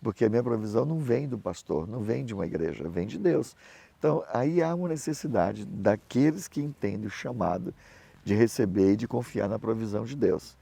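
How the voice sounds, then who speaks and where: Brisk and gravelly with a breathy edge, the fairly low voice comes through with no room sound. A middle-aged pastor and missionary, he preaches by telling animated stories and voicing the characters he quotes.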